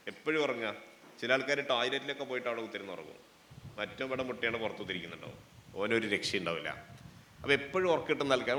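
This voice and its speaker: Here a medium-pitched male voice, pushed and bright, delivers a playful inaugural speech at a college fest. The guest speaker, who has a Malabar Malayalam accent, engages the students in the hall with questions and jokes, and faint noise sits in the roomy acoustics.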